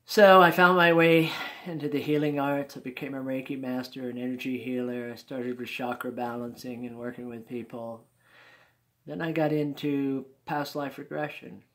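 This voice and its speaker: Gravelly older man telling a folksy story. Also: mid-range voice, fairly even intonation, moderate pace. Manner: folksy, chuckling, warm-hearted asides.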